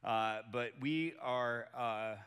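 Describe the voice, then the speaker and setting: A man from Colombia, a native Spanish speaker, preaches to a church congregation in a chatty, personal tone. His voice is bright and forward. The sound carries a long hall reverb. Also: mid-range voice, slow, clean tone. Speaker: pastor. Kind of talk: sermon. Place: church auditorium with live audience.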